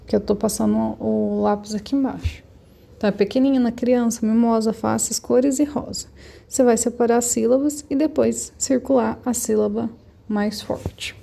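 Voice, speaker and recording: Patient woman teaching, gravelly. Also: a little high, warm tone. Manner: patient, explains step by step with examples. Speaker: primary school teacher. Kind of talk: remote class walkthrough of a textbook.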